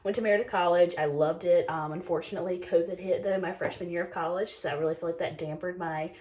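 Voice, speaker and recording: A fast-talking woman with a lowish, darkish voice keeps a steady tone. She's a North Carolina beauty vlogger in her twenties who is slightly ill and losing her voice, casually chatting as she does her makeup in a get-ready-with-me clip, filled with "like" and "um."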